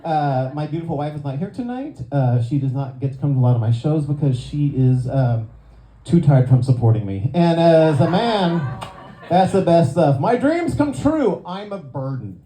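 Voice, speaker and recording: A man in his sixties doing a stand-up comedy set, self-deprecating and quick with punchlines, slipping into voices for his friends. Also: fairly high pitch, big pitch swings, warm tone. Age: 60s. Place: club stage before a live audience. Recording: echoey room, faint crowd ambience.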